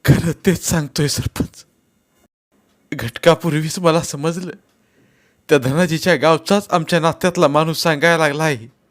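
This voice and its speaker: A man's voice: a little high, steady tone, moderate pace, pauses often, no echo, clean studio sound, pitched above the performer's own voice, close to an everyday voice. A man voicing a grief-stricken village father who pleads through sobs in rustic speech. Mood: anguished.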